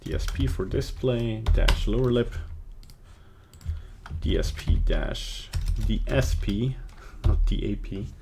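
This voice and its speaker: This young man from Belgium, speaking with a Belgian accent, streams a relaxed 3D tutorial from his desk at home and chats with viewers, wandering off topic and muttering to himself as he thinks aloud. His lowish voice moves at a slow pace with vocal fry. Background noise mixes with faint keyboard clicks and typing.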